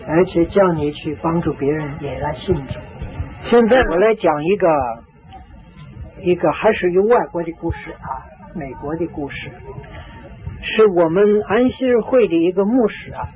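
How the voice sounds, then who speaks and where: A man preaching a storytelling sermon, repeating phrases for emphasis and filling pauses with drawn-out "ah"s. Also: sits high. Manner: repetitive, emphatic, frequent drawn-out "ah" fillers. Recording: tinny phone-like lo-fi recording.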